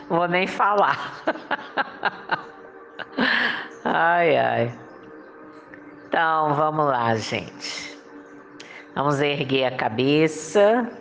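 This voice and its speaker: A woman's voice: sits low, lively intonation, slow pace, creaky, long pauses, soft background music. A woman giving a motivational monologue, coaxing listeners with rhetorical questions and frequent laughs. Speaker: motivational speaker.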